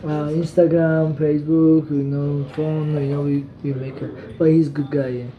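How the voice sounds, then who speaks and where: A man with a Georgian accent and Georgian as his first language, chatting casually on a livestream in halting English full of fillers and now and then in Georgian. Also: a little high, flat delivery, reverberant, narrow, tinny audio, a little hiss or hum. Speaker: guest fighter reading chat.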